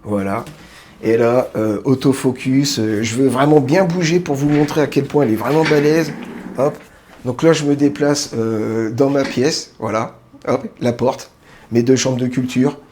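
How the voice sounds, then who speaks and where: A man hosting a casual home product demo of a webcam, chatty and excited, with lots of fillers and restarts. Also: medium pitch, unhurried, slight background noise. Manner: enthusiastic, keeps repeating how great it is. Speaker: tech video host. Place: small room at home with grow tents.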